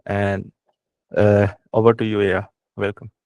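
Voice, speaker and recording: A man's voice: lowish voice, level tone, unhurried, darkish tone, dry recording. A man hosting an online event, giving a formal introduction for a guest speaker. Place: online video call.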